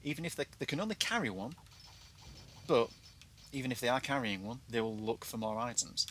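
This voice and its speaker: A man's voice: mid-range voice, lively intonation, fairly quick, a bit bright. A British man with glottal stops in place of his T's gives casual gameplay commentary in a chatty, self-deprecating way. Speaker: video game player giving a walkthrough. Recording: noticeable background noise.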